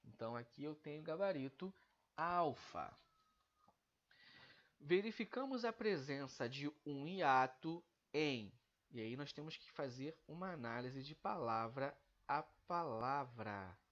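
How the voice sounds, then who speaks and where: A man's voice: a little high, lively intonation, a little slow, fairly bright tone, dull audio. A male teacher giving a grammar lesson, explaining step by step and drawing out the example words he is breaking down.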